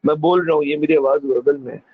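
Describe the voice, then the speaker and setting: A male teacher gives a classroom lecture, calling students friends, mixing in English phrases and demonstrating with lively emphasis. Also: a little high, quick pace, dry recording. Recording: dull lo-fi dry recording.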